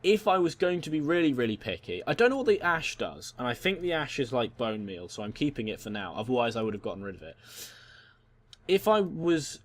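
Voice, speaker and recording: Casting: young male gaming host, mid-pitched, loose rambling commentary. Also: sing-song, a little fast. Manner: rambling storyteller, voices quotes high and loud. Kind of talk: casual gameplay commentary.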